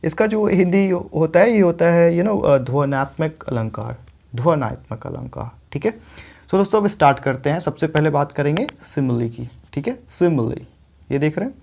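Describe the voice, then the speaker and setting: Gravelly-voiced man teaching pronunciation. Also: a little high, darkish tone. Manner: explains pronunciation step by step, repeats words slowly; often adds "ठीक है" and addresses viewers as friends. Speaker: English teacher. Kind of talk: spoken English lesson.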